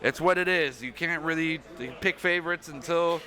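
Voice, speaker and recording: A man with a bright, forceful voice pitched a little high, bantering at an esports caster desk. He talks playfully and loosely into a desk microphone, tossing in quick jokes between matches. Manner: joking, playful, quick asides.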